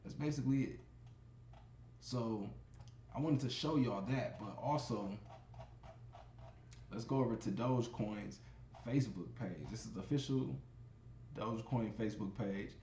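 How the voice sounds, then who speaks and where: A male crypto video host gives casual screen-share commentary in a loose, conversational style, calling his listeners y'all and often asking "you know what I'm saying." His mid-range voice is dark and mellow, and he speaks unhurriedly with long pauses. The sound is echoey, with faint room noise.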